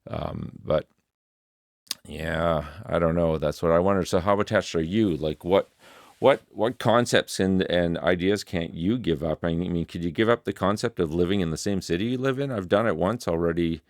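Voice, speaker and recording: This deep-voiced, middle-aged man, a musician and video creator, reflects aloud at a moderate pace in a vlog. He speaks into a desk studio microphone in his home music studio, and the recording is dry.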